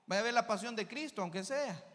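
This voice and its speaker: A male pastor preaching a sermon, swinging between loud calls and soft low asides, speaking straight to the congregation as brother and church. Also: expressive, brisk. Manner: addresses listeners directly as brother and church. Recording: long hall reverb.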